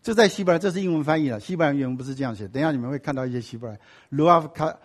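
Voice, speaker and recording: A man gives a sermon-style Bible lesson in a fairly high voice. He teaches in a lively way, keeps asking his listeners rhetorical questions, and slips English and Hebrew words into his talk. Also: very fast.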